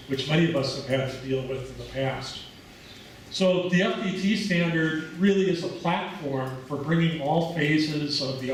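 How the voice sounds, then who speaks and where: Speaking in an echoey hall into a distant mic, this American man presents at a conference with a little hiss or hum behind him. His voice runs a little high, and his explanation is relaxed and easygoing, sprinkled with fillers.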